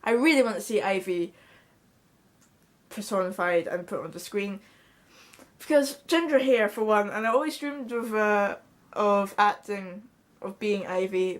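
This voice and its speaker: A medium-pitched young woman from Scotland speaks at normal speed as she vlogs. Her chat to the close-range camera in front of her, filmed in a small bedroom, is casual, blunt, and full of swearing.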